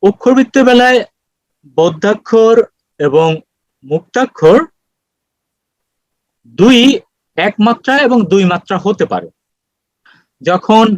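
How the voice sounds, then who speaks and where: Man, high voice, online lecture, slow halting explanation, dry close sound. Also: dry recording, poor audio. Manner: explains slowly with many pauses and fillers. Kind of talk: online lecture on poetry meter. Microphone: video call.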